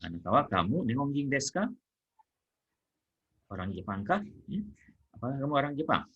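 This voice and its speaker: A man's voice: mid-range voice, very animated, moderate pace, husky, highs cut off. Patient man teaching grammar. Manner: patient, repeats example sentences, frequent "ya". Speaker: Japanese language teacher. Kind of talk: explaining grammar lesson.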